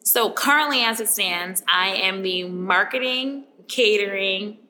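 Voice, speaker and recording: Woman guest, chatty and casual, bright forceful tone. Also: medium pitch, measured pace, low-quality recording. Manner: chatty, heavy use of "like". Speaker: restaurant marketing and events manager. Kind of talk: casual podcast chat.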